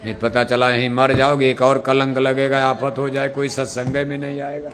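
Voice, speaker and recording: A man preaching a devotional sermon into a microphone, firing off rhetorical questions and leading the crowd in shouted call-and-response. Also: mid-range voice, completely flat delivery, moderate pace. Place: open gathering before a large audience.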